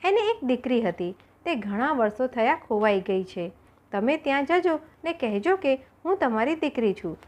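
Kind, talking swans from a storybook, gentle and reassuring, as a woman narrator voices them. The voice sits somewhat high and speaks softly to a grieving queen. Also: sing-song, moderate pace. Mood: kindly.

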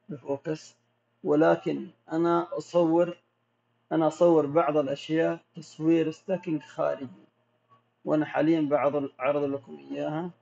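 Gulf-accented man, a bit high-pitched, reads questions aloud and explains calmly; dull, lo-fi recording. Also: gravelly. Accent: Gulf Arabic. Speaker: macro photographer answering viewer questions. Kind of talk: casual live Q&A. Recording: dull lo-fi audio.

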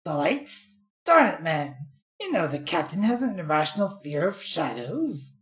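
A woman's voice: sits low, big pitch swings, unhurried. A woman voicing a blustering, commanding pirate from a video game who guards the captain's cabin. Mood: suspicious, commanding. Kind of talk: reading video game dialogue in character.

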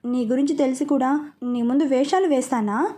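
A woman's voice: high-pitched, a little fast, dark tone. A woman voicing a cheeky, coaxing young man in a storybook reading, speaking lightly and soothingly.

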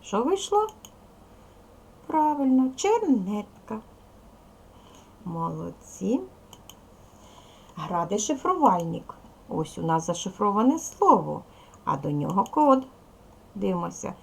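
A woman's voice: medium pitch, big pitch swings, a little slow, gravelly, pauses often, slightly rough. A woman teaching second graders in a recorded video lesson, patiently spelling out sounds and syllables one by one. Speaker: primary school teacher.

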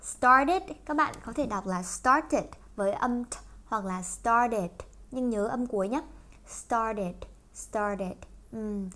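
A woman's voice: a little high, unhurried, fairly bright tone. A woman teaching English through a song, explaining lines and pronunciation and then singing them for learners to repeat. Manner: switches between explaining and singing along. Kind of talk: song-based English lesson.

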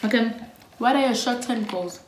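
Laughing frequently, a young South African YouTuber in her early twenties chats her way through a get-to-know-us video. She speaks at a moderate pace in a higher-pitched voice, and the small indoor room sounds echoey with some background noise.

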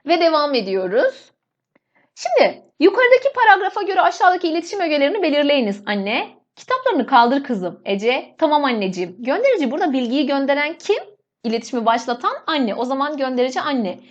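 High-voiced woman teacher explaining. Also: big pitch swings, quick pace, highs cut off. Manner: explains step by step, often addresses students as "friends". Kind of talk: exam walkthrough lesson.

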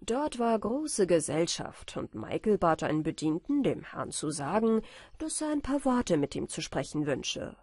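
Slow, breathy bedtime storyteller woman. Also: lowish voice, sing-song, a little mellow, dry recording, clean studio sound. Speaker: audiobook reader.

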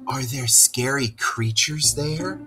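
A man's voice: a little high, sing-song, measured pace, over music, voice pushed up. A man voicing a timid, wide-eyed young male mole who asks eager, wondering questions in a storybook reading.

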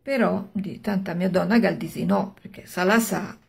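A woman's voice: lowish voice, moderate pace, creaky, a little mellow, slightly rough. A woman in her sixties with a Milanese accent tells an old tale in a colloquial, conversational way, in short phrases with interjections, acting out the dialogue. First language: Milanese dialect. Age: 60s. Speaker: storyteller. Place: small room at home.

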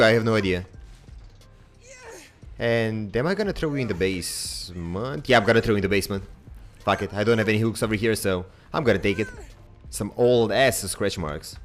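A young man casually commentating his own gameplay, chatty and excitable, swearing now and then and talking to his viewers. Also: lowish voice. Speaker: game streamer.

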